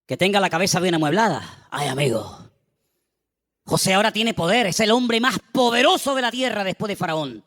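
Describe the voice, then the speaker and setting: A man preaching a sermon as pastor, animated, acting out biblical voices and throwing asides to his congregation. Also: high voice, fairly quick, few pauses. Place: church with long reverb. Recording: long reverb of a church hall.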